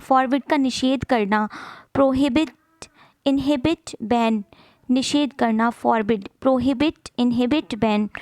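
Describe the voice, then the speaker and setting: A woman teacher slowly reads out lists of synonyms. She says each list twice and spells hard words letter by letter. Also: a little high, darkish tone, dry recording, poor audio. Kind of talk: slow vocabulary drill, reading synonym lists.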